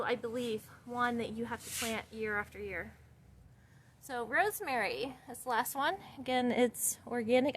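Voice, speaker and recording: A woman's voice: on the high side, sharp tone. A woman working at a florist, chatting casually as she walks through the shop showing plants, rambling a little with lots of fillers. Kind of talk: casual walkthrough video. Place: flower shop and garage.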